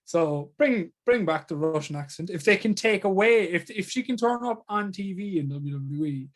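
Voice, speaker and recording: A man's voice: high voice, expressive, normal speed. A man, co-hosting a podcast, talking bluntly and repeating himself for emphasis. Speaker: podcast co-host. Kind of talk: casual chat.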